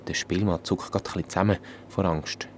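A man with a Swiss German accent telling a fairy tale in a calm, even manner. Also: low voice, brisk, slight background noise. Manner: calm, even storytelling in dialect. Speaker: storyteller.

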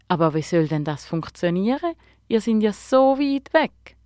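Casting: a bright, curious young girl with a lilt, lively and higher voiced, as a woman puts her on. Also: normal speed, dry recording, clean studio sound, natural voice. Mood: astonished.

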